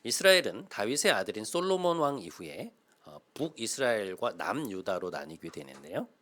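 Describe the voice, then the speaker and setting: Low-voiced pastor preaching with lively pitch. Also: male voice. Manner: explains slowly with many "uh" fillers, rising to loud emphatic calls. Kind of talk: sermon.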